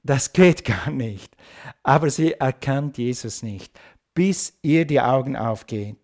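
A man preaching a sermon, retelling a story with rhetorical questions and sudden lifts of excitement. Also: mid-range voice, slow pace. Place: at a tomb site.

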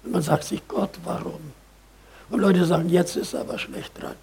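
An older man preaching a sermon, telling stories in a lively way, booming for emphasis and then dropping to quiet asides. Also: moderate pace, gravelly, breathy edge.

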